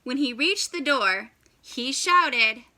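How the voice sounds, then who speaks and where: In a high, very bright voice, a woman reads a story aloud to young children. She goes slowly, with dramatic pauses, and her delivery stays animated and expressive throughout.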